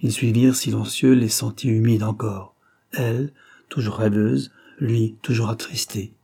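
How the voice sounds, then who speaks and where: A man narrating a classic novel as an audiobook in measured, dramatic storytelling. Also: fairly low pitch, steady tone, creaky, dark tone, husky.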